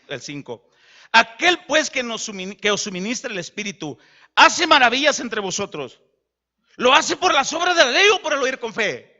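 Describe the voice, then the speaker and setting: A man preaching a sermon as pastor, animated and acting out dialogue. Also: sits high. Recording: dull lo-fi.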